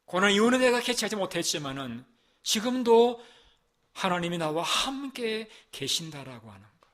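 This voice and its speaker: This Sunday sermon comes from a very animated male pastor speaking at a normal pace. He repeats himself for emphasis, moving between loud stressed phrases and hushed low ones while asking the congregation rhetorical questions.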